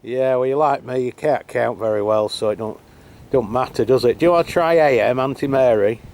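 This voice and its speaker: In the rain on a hilltop, a channel host tests CB radios, his medium-pitched voice fairly quick. A camera mic records him holding a handheld radio as he chats casually, relaxed but hesitant, using many fillers.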